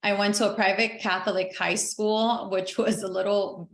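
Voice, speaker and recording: A young adult woman from Venezuela, guesting on a podcast, chats in a casual interview with a medium-pitched voice and level tone. She's talkative, upbeat, and quick to laugh, and the room sounds echoey.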